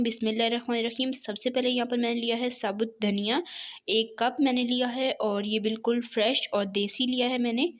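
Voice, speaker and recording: A woman with a Pakistani Urdu accent, hosting a cooking channel and narrating a recipe step by step in a friendly, instructive way, repeating each measurement. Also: a little high.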